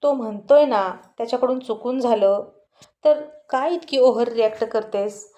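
A woman voicing a mother who calms and gently scolds quarrelling children. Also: fairly high pitch, moderate pace, natural voice. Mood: reasoning. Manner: soothing, reproachful. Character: mother, calming and reasoning.

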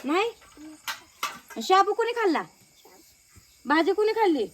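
High-voiced woman vlogging. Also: sing-song, measured pace, slight background noise. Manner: chatty, coaxing a toddler with questions. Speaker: village vlogger. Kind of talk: casual home vlog chat.

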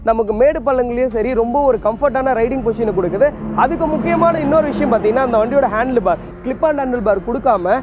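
A young man from Tamil Nadu reviewing a motorcycle to the camera outdoors by a roadside, explaining quickly. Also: very high-pitched. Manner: rapid explanatory talk, standing by a motorbike.

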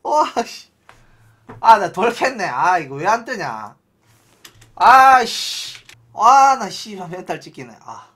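A man streaming a game live, commentating excitedly, cursing often and shouting countdowns before big attempts. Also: sits high, slow pace, breathy edge.

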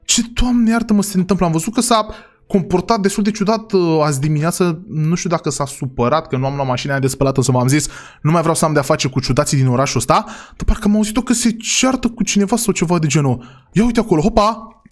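A man with a high voice gives lively, exclaiming commentary as he plays through a role-play game. He speaks straight to his viewers and often breaks into sudden exclamations. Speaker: gaming channel host.

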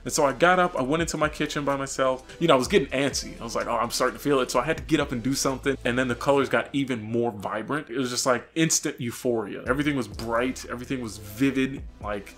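A young man telling a story casually to camera in an expressive, slangy way, acting out reactions. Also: mid-range voice, fast, hardly any pauses. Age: young adult. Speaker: vlogger. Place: small furnished room with couch, indoors. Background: music.

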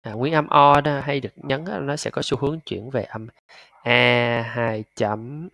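A man teaching English pronunciation, patiently repeating and drilling each sound slowly. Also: mid-range voice, vocal fry, a bit bright, no echo. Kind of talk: pronunciation lesson.

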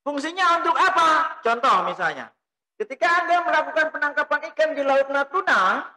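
Middle-aged male lecturer, high bright voice, explains point by point with questions to the class, desk mic in a small room. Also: lively intonation, moderate pace, low-quality recording. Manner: explanatory, asks and answers his own questions; gestures while talking. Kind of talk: recorded lecture. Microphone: desk mic on stand.

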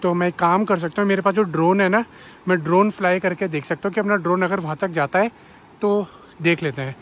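A man's voice: high-pitched, brisk, a bit bright, a little hiss or hum. A man in his thirties from India, chatting casually to viewers as a travel vlogger at an outdoor riverside campsite. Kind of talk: casual vlog narration. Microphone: camera mic at a distance. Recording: music bed behind voice.

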